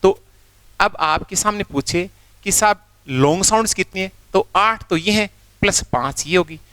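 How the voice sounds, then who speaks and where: A man's voice: high-pitched, normal speed, bright, forceful tone, dry recording. A man teaching an exam-prep lesson, explaining step by step and asking the class rhetorical questions as he goes.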